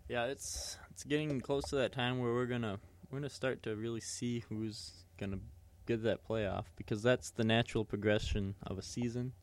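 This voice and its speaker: A man's voice: mid-range voice, steady tone, normal speed, few pauses. A man co-hosting a podcast in casual sports chat, rambling with many fillers and restarts. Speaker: podcast co-host.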